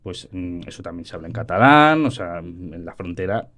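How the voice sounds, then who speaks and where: A man co-hosting a podcast, speaking in halting casual chat with repeated words. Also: deep voice, expressive, fairly bright tone. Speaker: podcast co-host.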